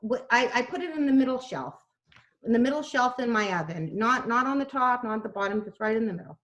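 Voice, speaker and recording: Over a video call, a woman runs a casual cooking class, chatting in a homey way and often restarting her sentences. Her voice is on the high side and a bit bright, with lively intonation and a fast pace.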